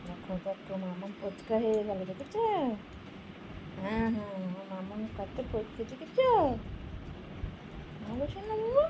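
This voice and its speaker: A woman's voice: medium pitch, sing-song, moderate pace, long pauses, noisy background. A mother talking sing-song baby talk to her baby while filming at home.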